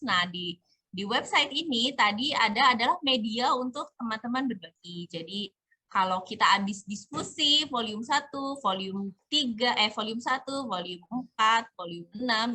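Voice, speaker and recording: A woman's voice: on the high side, pushed and bright. A chatty woman hosting an informal online community talk in colloquial speech. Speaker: host of a community webinar.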